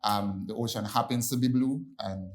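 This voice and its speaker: A young man from Jamaica speaking on a panel, relaxed, with many ums and restarts. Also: lowish voice, normal speed, a little hiss or hum. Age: young adult. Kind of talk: panel discussion.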